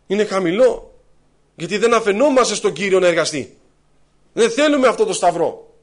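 A man's voice: high voice, expressive. A man preaching an earnest sermon to his congregation, addressing them as brothers and sisters and telling a parable with acted-out voices.

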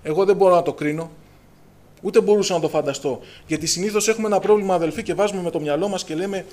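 A man's voice: high voice, a little mellow. A middle-aged man preaching a fervent Pentecostal sermon, raising his voice when he quotes scripture and calling out to his listeners. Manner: fervent, preacher's call-and-response, raises voice on scripture.

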